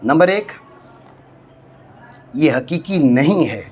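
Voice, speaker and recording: Teaching Arabic grammar in a classroom, a Pakistani man works through each step, repeats key points, and regularly makes sure students understand. His slightly high, expressive voice is a little mellow with a breathy edge.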